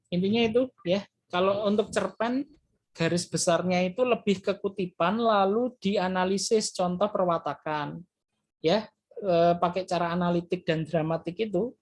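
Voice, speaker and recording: Hesitant male teacher explaining. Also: high-pitched. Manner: loose, hesitant explaining with frequent filler tags; addresses students warmly as children. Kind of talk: classroom exam review lesson.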